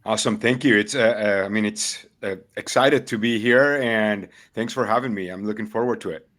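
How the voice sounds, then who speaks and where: A middle-aged man from Venezuela speaks with a low voice as a guest in a casual interview. He hesitates often, restarting sentences and filling pauses, and laughs easily. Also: fairly bright tone. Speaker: triathlon coach, guest.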